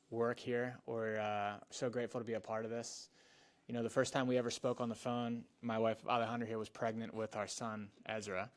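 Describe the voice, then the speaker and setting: A painting company owner giving an emotional, halting video testimonial, with restarts and fillers. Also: male voice, mid-range voice.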